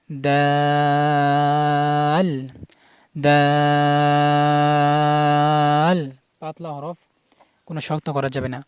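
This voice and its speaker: A man teaches pronunciation, repeating each sound slowly and patiently. His voice is smooth and a little high, with little rise and fall. The recording is close and dry. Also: a little mellow, dry recording. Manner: patient, repeats each Arabic letter sound many times. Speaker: Quran recitation teacher. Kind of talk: pronunciation lesson.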